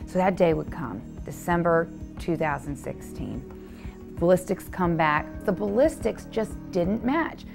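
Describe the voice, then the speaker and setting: A woman's voice: on the low side, vocal fry. A woman news reporter telling her story in a documentary interview, earnest and repeating words when stressing a point.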